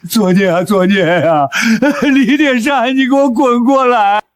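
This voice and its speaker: A man's voice: very high-pitched, unhurried, dry recording. A man voicing a desperate elderly father who scolds and pleads with his son. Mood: distraught. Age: older. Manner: shouting, pleading. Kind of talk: drama voice acting.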